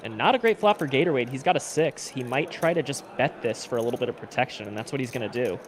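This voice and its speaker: A man's voice: medium pitch, lively intonation, quick pace. A man giving live poker commentary as a stream commentator, explaining the play in an analytical way. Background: poker players chattering.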